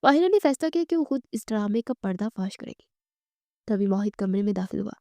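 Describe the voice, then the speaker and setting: A woman narrating a bedtime story in a dramatic, expressive reading. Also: medium pitch, no echo, studio quality.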